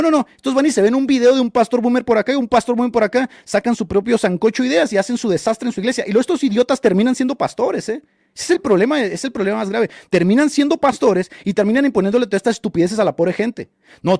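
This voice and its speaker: Fast, high-voiced scornful male radio host. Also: creaky, a little mellow, no room sound, clean studio sound. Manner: mocking and scornful, insults opponents; argumentative, lecturing with rhetorical questions. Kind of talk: combative live commentary answering a chat.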